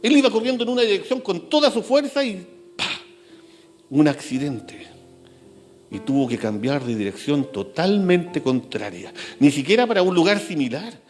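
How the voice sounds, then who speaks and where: A pastor delivers a sermon in a fairly high, animated voice that rises and falls widely. He repeats key phrases and slows down, sinking low for emphasis. Faint instrumental music plays beneath him. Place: church.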